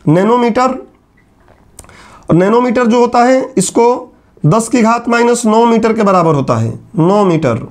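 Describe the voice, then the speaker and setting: A man giving a classroom lecture at a whiteboard. He asks the class questions, answers them himself and slowly repeats key terms. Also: very high-pitched, a little mellow. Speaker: teacher.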